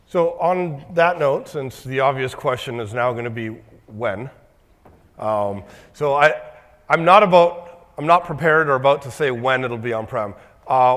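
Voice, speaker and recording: Measured man in a reverberant hall. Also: fairly high pitch, a bit bright. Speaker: conference presenter. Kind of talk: conference talk.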